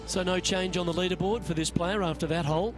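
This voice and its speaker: A man's voice: high voice, fairly even intonation, fast, music in the background. A man giving golf commentary as the lead announcer of a tournament.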